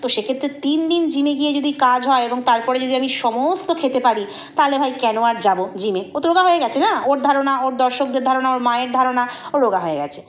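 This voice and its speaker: A woman's voice: high voice, brisk. Sarcastic woman gossiping. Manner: mocking, sarcastic, chatty with rhetorical questions. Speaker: vlogger. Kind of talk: gossip commentary vlog.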